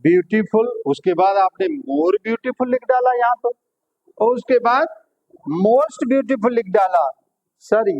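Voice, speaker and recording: High-voiced man teaching grammar slowly. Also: muffled recording. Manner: explains patiently, quizzing students with "clear?" and "right?"; addresses pupils as "beta". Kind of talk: classroom grammar lesson in Hindi and English.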